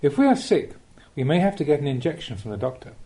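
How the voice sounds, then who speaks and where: Reading a spiritual teaching from a script for an audiobook, a Buddhist monk speaks in measured, deliberate phrases and asks rhetorical questions. He has a slightly high, sing-song, mellow voice.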